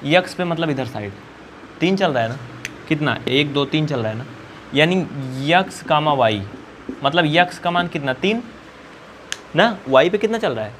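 Chatty Indian math teacher, slightly high voice. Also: male voice, lively intonation, moderate pace, pauses often, slight background noise. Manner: repetitive, asks students questions and answers them himself; colloquial, coaxing. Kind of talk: whiteboard math lesson.

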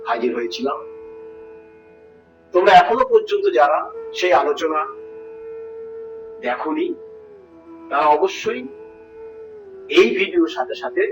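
Bengali teacher, roomy distant sound. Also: male voice, fairly high pitch. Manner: asks students questions, explains step by step. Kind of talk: grammar lesson for students. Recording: roomy, distant, dull sound with music behind.

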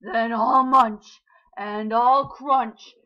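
A woman playing a loud, slow big bad shark. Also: a little high, steady tone, dull audio. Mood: booming threat. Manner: loud, slow, drawn-out threats. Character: big bad male shark, menacing and hungry.

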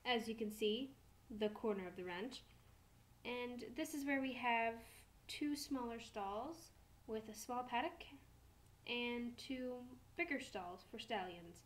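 A chatty young barn hand shows visitors around a toy stable in a doll video, voiced by a teen girl. The voice sits fairly high and talks in a hesitant, rambling way, pausing and correcting itself. A faint hum runs underneath. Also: lively intonation, rough recording. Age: late teens. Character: young woman barn worker giving a tour. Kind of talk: doll video role-play narration. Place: home room, doll barn set.

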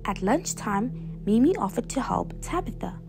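A woman reading a children's story aloud in an expressive storybook style. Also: medium pitch, normal speed, vocal fry, over music.

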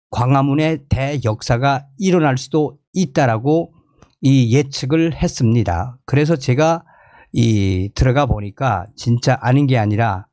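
An older man presenting live political commentary and reading posts aloud to viewers in a deliberate way, indoors at a desk microphone. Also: medium pitch, a little mellow, dry recording, clean studio sound. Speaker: streamer, commentator. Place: small indoor room with curtain.

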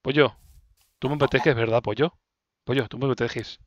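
A man's voice: medium pitch, fairly even intonation, normal speed, no echo. A man with an accent from Spain doing casual let's play commentary, playfully talking to game creatures and repeating his words. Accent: Spanish (Spain). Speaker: gaming video host.

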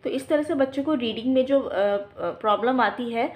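A woman's voice: high-pitched, moderate pace. A woman teacher explaining a phonics lesson to other teachers, stretching words out to demonstrate long and short vowel sounds in a patient, explanatory way.

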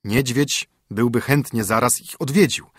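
A man narrating a fairy-tale audiobook in an expressive storytelling manner. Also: medium pitch, normal speed, breathy edge, dry recording, clean studio sound.

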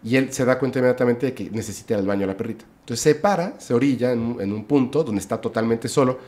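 A man, a podcast guest, telling a story in casual chat, lively, often adding "o sea" and "¿no?". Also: medium pitch, quick pace. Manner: lively retelling, with "o sea" and "¿no?" tags.

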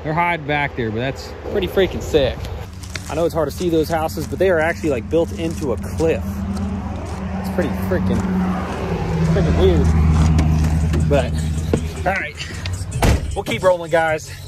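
A young man with a fairly high voice vlogs a road trip at a measured pace with long pauses, holding his phone at arm's length in his van and outdoors on mountain roads. He's laid-back and upbeat in this casual travel vlog, saying "freaking sick" a lot, and the phone mic picks up outdoor noise.

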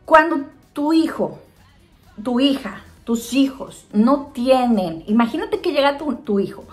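A Mexican woman answering viewer questions in a casual chat to camera, animated and laughing often. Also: sits high, unhurried, faint music behind. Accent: Mexican Spanish. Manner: chatty and animated, acts out voices in quotes.

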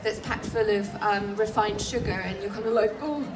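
A woman's voice: mid-range voice, steady tone, moderate pace. English woman demonstrating cooking outdoors. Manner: chatty, explanatory, many ums and restarts. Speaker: cookery demonstrator and nutritionist. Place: outdoor festival demo kitchen stall. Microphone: filmed from the crowd by a far camera. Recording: distant voice through PA with outdoor noise.

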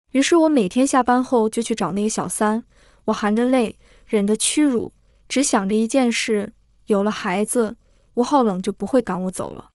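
A woman with a slightly high voice reads a dramatic first-person story as a storyteller. Her delivery is steady and even throughout. She is recorded close to the mic in a dry, dead room. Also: no echo. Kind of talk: scripted first-person narration.

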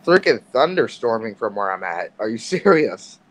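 A man in casual gaming voice chat, excitable and exclaiming, restarting his sentences as he talks. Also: on the low side, normal speed. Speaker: voice chat role-player.

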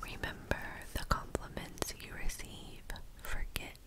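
A woman hosting an ASMR video in a breathy whisper, casually describing items in hushed remarks. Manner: slow, gentle-paced, hushed casual remarks.

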